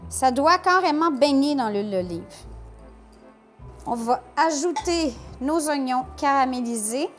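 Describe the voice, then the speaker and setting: High-voiced woman hosting a cooking tutorial. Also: lively intonation, measured pace, soft background music. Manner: chatty and playful, talks to viewers while cooking. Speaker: cooking show host.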